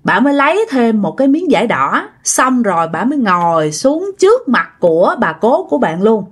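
A woman tells a ghost story in a chatty, conversational way, often turning to her listeners. Her voice is high and moves widely in pitch. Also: sing-song, moderate pace, slightly rough. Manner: chatty, addresses listeners directly.

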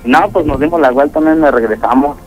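A young man with a Mexican accent calling a radio show to tell a ghost story, rambling and halting with many fillers. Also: fairly high pitch, lo-fi sound, faint music behind. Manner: rambling, halting, full of "pues" and "¿no?". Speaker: caller.

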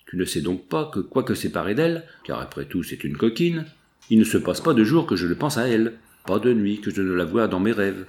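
A man's voice: very animated, a little fast, a little mellow. A man voicing a jealous, bitter working-class husband in an audiobook, his lines pleading and brooding. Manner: pleading then brooding, low grumbling. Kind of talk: audiobook dialogue reading.

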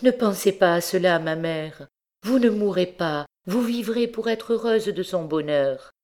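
A woman's voice: on the low side, measured pace, darkish tone, pitched above the performer's own voice, lightly acted. A woman voicing a brave young woman who pleads urgently and comforts tenderly.

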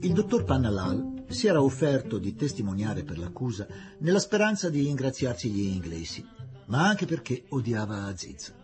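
A man reading a novel aloud in a theatrical, expressive way with a husky voice. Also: medium pitch, moderate pace, over music. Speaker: audiobook reader. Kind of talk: dramatic literary reading.

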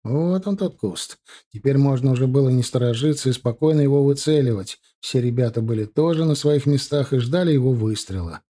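A man narrating an audiobook in a measured, even way. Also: medium pitch.

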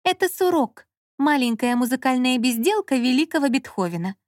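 Женщина в аудиокниге озвучивает молодую капризную обидчивую героиню жалобным высоким голосом. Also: female voice, very animated, a little fast, no echo, clean studio sound. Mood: coaxing. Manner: plaintive, pouting, high-pitched. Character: young woman Lola, fussy, whiny and touchy. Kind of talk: audiobook character reading.

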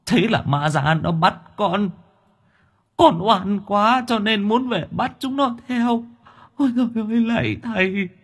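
A man's voice: high-pitched, measured pace, slightly rough, pitched above the performer's own voice. A man voicing the ghost of an old man who stammers and whimpers as he begs for mercy. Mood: whimpering, begging. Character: wailing drowned old man's ghost.

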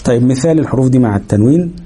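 A man with an Egyptian Arabic accent, teaching a Quran recitation lesson. He explains rules and slows down to demonstrate sounds, stretching out the nasal hum. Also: mid-range voice, expressive.

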